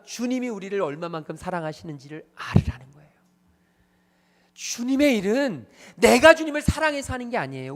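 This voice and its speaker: A man preaching a sermon as pastor, emphatic, repeating phrases and speaking straight to the congregation. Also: very high voice.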